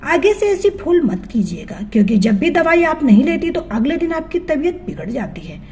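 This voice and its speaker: Woman doing a young daughter-in-law, playful, affectionate, high lively voice. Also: normal speed.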